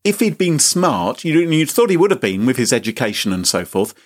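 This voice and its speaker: Hosting a chat show, this man spins a comic tale in a show of exaggerated, mock-indignant outrage. He speaks in a sing-song way, a touch quickly, his pitch sweeping theatrically.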